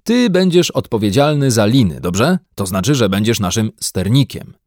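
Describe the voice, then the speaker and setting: Man voicing a commanding father, hearty, loud, lively pitch, audiobook. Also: normal speed, no echo, studio quality. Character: bossy confident father of the family. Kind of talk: audiobook character voice.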